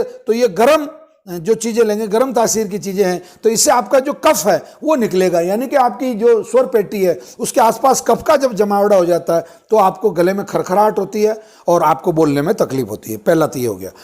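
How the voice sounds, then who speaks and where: A man giving an informal Ayurvedic health talk, explaining step by step with frequent pauses and fillers. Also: high voice. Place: ashram.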